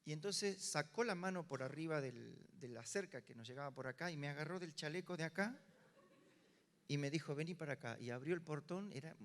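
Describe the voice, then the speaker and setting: A man's voice: fairly high pitch, brisk, big-room sound. An older man from Argentina, a pastor with a Rioplatense Spanish accent, telling a story in a sermon and acting out the voices of its people. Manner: animated storyteller acting out dialogue.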